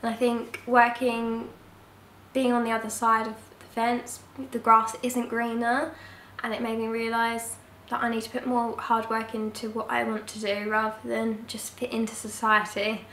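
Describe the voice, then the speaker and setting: A young woman telling a personal story in a casual vlog, frank and expressive, swearing now and then. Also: fairly high pitch, normal speed, slight background noise. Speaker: vlogger. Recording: roomy, mic at a distance.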